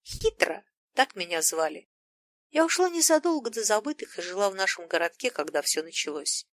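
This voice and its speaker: A woman voicing a gentle, wise old female sun spirit in an audiobook, speaking softly and unhurriedly. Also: mid-range voice, animated, moderate pace, no room sound, close to an everyday voice.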